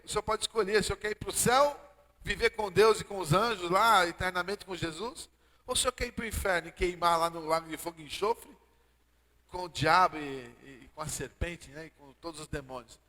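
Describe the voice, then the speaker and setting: A Brazilian man preaching from the pulpit in a fairly high voice, his words ringing out with a long church-hall reverb. He talks directly to the congregation and keeps asking them for an "Amém?". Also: pushed and bright. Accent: Brazilian Portuguese. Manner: preaching with call-and-response "Amém?". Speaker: pastor. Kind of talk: sermon.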